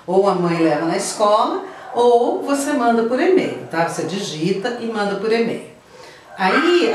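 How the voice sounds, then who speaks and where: A woman's voice: medium pitch, background noise. Brazilian woman teacher in an echoey room. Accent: Brazilian Portuguese. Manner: patient, explains step by step with frequent tag questions. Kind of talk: remote class lesson. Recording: echoey room, voice from far off the mic.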